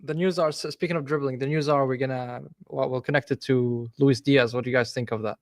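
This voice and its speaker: Brief: animated, quick-talking podcast panelist. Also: male voice, mid-range voice, no echo, clean studio sound. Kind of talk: casual football chat.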